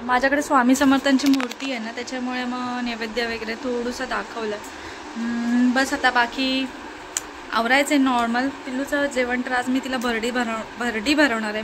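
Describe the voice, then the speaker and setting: A young woman with a Marathi accent, chatting casually to her viewers at home as she goes through her chores and coaxes her baby. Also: a little high. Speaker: vlogger, mother of a baby. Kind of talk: casual home vlog chat. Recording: noisy home phone recording.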